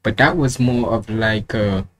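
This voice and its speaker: In an unhurried, lowish voice, a reaction video host in his twenties gives rambling, colloquial commentary and frequently repeats himself. The setting is an indoor home room with curtains, and the recording picks up noticeable background noise.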